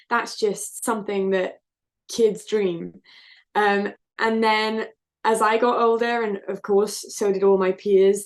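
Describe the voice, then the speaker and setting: A woman, a singer-songwriter answering interview questions in an earnest, reflective way. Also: medium pitch. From South Wales, UK. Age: 20s. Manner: earnest, open, reflective storytelling.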